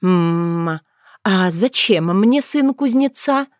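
A woman's voice: mid-range voice, expressive, slow pace, no room sound. A woman playing a wry young witch. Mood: calm. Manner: dry, sarcastic. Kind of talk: audiobook character voice.

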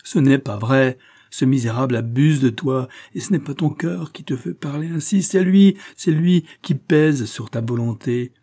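A man's voice: medium pitch, normal speed, warm tone, no echo, studio quality, voice pushed up, lightly acted. A man voicing a grieving, desperate elderly father, a duke, crying out in pain. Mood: anguished. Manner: crying out in raised, pained outbursts.

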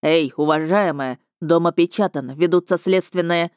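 A woman's voice: fairly low pitch, moderate pace, darkish tone, clean tone, no echo, clean studio sound, close to an everyday voice. A woman doing a curt grumbling cop. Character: gruff grumbling male policeman.

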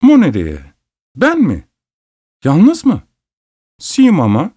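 A man's voice: medium pitch, moderate pace, a little mellow, voice pushed up, close to an everyday voice. A man voicing a lazy teenage farm boy who talks in an eager, wheedling way.

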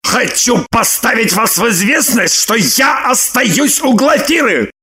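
A man voicing a stubborn, defensive middle-aged man in an audiobook, giving measured replies in a husky voice. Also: very high voice, expressive, pushed and bright, full character voice. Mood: tired defensive.

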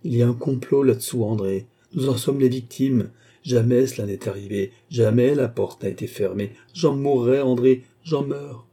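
A man's voice: mid-range voice, steady tone, moderate pace, hardly any pauses, mellow, husky, lightly acted. A man doing a frightened, indignant queen. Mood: distressed. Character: distressed young queen, proud and frightened.

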